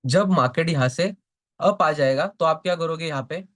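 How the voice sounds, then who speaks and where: A man's voice: fairly high pitch, moderate pace, fairly bright tone. A man teaching a live online stock trading class. He keeps asking the class questions, answers them himself, and checks in often to make sure they follow.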